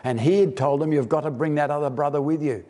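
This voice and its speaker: An Australian man preaching a storytelling sermon, acting out the characters' lines and slowing down for emphasis. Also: fairly high pitch, mellow. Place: church hall. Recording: long church hall reverb.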